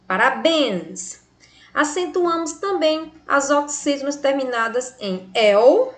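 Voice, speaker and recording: Slow, high-voiced Brazilian woman teaching. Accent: Brazilian Portuguese. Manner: slow, clearly articulated, stretching example words for emphasis. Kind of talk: recorded grammar lesson.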